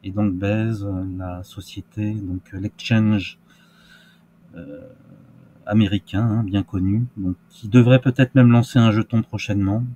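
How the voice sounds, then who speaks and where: A man talks through crypto charts in a casual, hesitant way, full of fillers and restarts. His voice sits low and he takes his time. A faint noise hums in the background. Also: steady tone, unhurried, mellow. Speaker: crypto market commentator. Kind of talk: casual screen-share market analysis.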